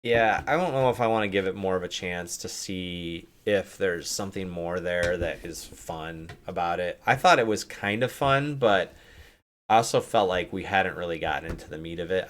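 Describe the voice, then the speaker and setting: Low-voiced man reviewing games casually. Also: normal speed, a little hiss or hum. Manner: rambling, heavy use of "like"; talks through restarts and hedges. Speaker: streamer and host. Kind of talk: casual chat, game review.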